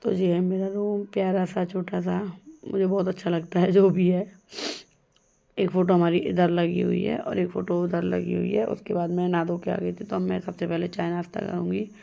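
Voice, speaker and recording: A woman's voice: fairly low pitch, flat delivery, normal speed, gravelly, warm tone. A young adult woman chatting casually as she tells the story of her day in a home vlog. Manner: chatty, storytelling, laughs often. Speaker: vlogger.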